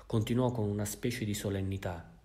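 A man with an Italian accent reading a classic novel aloud in measured, even narration. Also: fairly low pitch. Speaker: audiobook reader. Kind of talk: literary audiobook narration.

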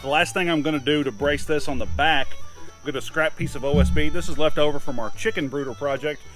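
A chatty man in his thirties, voice sitting a little high, talks his way through a farm chore in a relaxed outdoor vlog. He rambles with plenty of fillers into a camera held at arm's length. Crickets and insects buzz faintly behind him in the yard. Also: fairly quick, music in the background. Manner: chatty and plain-spoken, with many fillers. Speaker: homesteader vlogger. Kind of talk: casual outdoor DIY vlog. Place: outdoors in a grassy farmyard by a metal building. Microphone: action camera held at arm's length.

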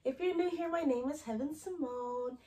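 A woman's voice: high voice, moderate pace, warm tone. A young college woman talking casually to her camera, rambling and easily sidetracked as she gives advice. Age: young adult. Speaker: vlogger. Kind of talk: casual chatty advice vlog.

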